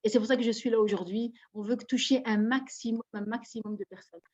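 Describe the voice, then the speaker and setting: Presenter: effusive woman from belgium, slightly high voice, dull lo-fi call audio. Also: fairly even intonation, fast talker, a little mellow. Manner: effusive, greets attendees by name. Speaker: network marketing presenter. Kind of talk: live online presentation.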